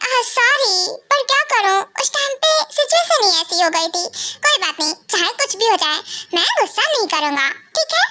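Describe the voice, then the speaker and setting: A woman's voice: very high voice, very animated, moderate pace, hardly any pauses, bright, forceful tone, exaggerated voice. A woman voicing a whiny hot-tempered young vampire son. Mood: apologetic. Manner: whiny and defensive, pleading. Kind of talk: fan audio drama.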